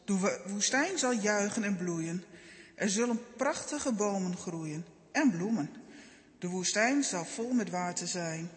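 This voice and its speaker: A man reads a calm, hopeful young girl in a children's storybook, soft and quiet. Her lines are lifted a little in pitch and ring in a long reverb. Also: a little slow.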